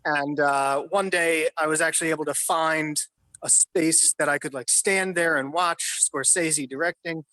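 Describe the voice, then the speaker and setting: A man's voice: a little high, fairly even intonation, measured pace, pushed and bright, dry recording. A man in his thirties from New York City, a guest telling film-set stories in a casual, filler-heavy way and swearing now and then. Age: 30s. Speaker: guest, film industry worker. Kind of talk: casual storytelling interview. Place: his apartment.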